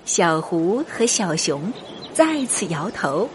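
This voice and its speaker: A woman's voice: on the low side, big pitch swings, takes it slowly, a little hiss or hum. A woman narrating a scripted story for young children as a storyteller. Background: music.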